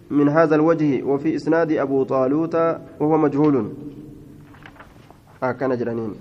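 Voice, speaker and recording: A man giving a hadith lesson, reading the Arabic text aloud and explaining it in Oromo, on a dull lo-fi recording. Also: a little high. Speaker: hadith teacher. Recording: dull lo-fi recording with faint noise.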